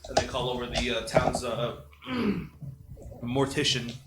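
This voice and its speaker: A man with a middle-pitched voice narrates a tabletop game as game master. He talks casually, stopping and restarting often. Steady background noise sits under the recording. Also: unhurried. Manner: casual, hesitant with fillers. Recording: noisy home recording.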